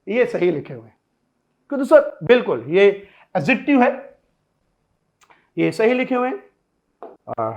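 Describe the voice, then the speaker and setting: A man teaching pronunciation in a classroom-style lesson, lively and joking, talking straight to his students. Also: high-pitched.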